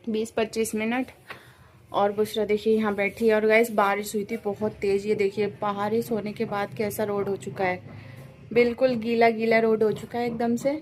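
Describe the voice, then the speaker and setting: A woman's voice: medium pitch, slight background noise. A young woman in a casual home vlog, chatting to viewers as "guys" and cooing at her cats while filming on a phone. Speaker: vlogger. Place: home and street outside after rain.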